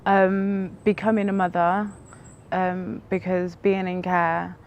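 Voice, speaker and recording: A woman's voice: on the low side, level tone, takes it slowly, darkish tone, a little hiss or hum. A woman of twenty-two, a psychology student who grew up in care, speaking candidly to camera. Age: 20s. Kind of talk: interview to camera.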